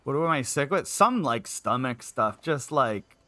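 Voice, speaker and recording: A man's voice: mid-range voice, big pitch swings, measured pace, sharp tone, no room sound. A man streaming live, chatting casually while feeling sick, rambling with lots of filler words. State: unwell and queasy.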